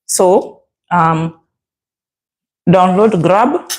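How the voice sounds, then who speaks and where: A woman's voice: lowish voice, expressive, drawn-out words, low-quality recording. A woman with a Kenyan accent chatting casually as a travel vlogger, giving practical tips and checking in with the listener. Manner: conversational, checks in with "yeah?" and "okay?".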